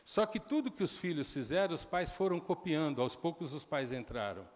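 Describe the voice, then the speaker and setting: A middle-aged Brazilian man preaches in a church, his voice sitting a little high for a man. He tells stories in a loose, conversational way, tossing quick asides to the congregation. A long hall reverb trails each phrase. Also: very animated. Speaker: pastor. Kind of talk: sermon.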